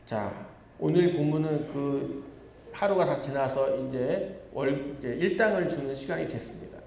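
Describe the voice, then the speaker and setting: A man's voice: medium pitch, moderate pace, vocal fry, a little mellow, a little hiss or hum. A male pastor preaching a sermon, telling the story with animation and acting out the complaints of the people in it. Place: church sanctuary. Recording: echoey church hall reverb.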